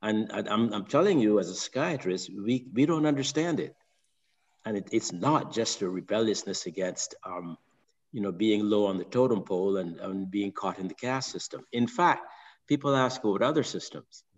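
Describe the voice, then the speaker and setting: An older Barbadian man with a low voice calls in, working through his point in fits and starts, circling back and repeating words as he searches for the next phrase. His voice carries a long reverb. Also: animated, muffled recording. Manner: halting, many restarts and repeated words. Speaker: caller. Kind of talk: call-in question.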